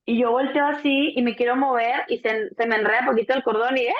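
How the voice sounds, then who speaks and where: A Mexican woman in her thirties, a doula, telling a birth story in a relaxed chat, acting out the voices of the people in it and swearing casually. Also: a little high, quick pace. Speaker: doula, co-host. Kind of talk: casual conversation. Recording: dull lo-fi sound.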